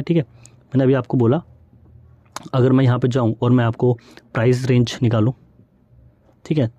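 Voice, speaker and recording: Fast-talking man explaining stock charts. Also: mid-range voice, dark tone, no echo, highs cut off. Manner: brisk, repeats "theek hai" often, mixes English terms. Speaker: stock market educator. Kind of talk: fast screen-share chart walkthrough.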